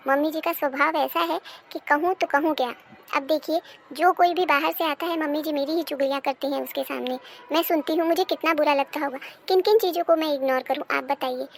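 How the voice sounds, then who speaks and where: Cartoon: a wronged, polite young daughter-in-law, voiced by a woman, high-pitched. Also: a little hiss or hum. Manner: polite, then pleading and aggrieved. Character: put-upon young daughter-in-law, polite but aggrieved. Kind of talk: cartoon dubbing.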